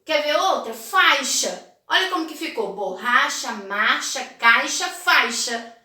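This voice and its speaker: A Brazilian woman teacher correcting exercises in a recorded class for children, slow and encouraging, in a sing-song manner. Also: sits high, expressive, bright, forceful tone. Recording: echoey room, mic at a distance.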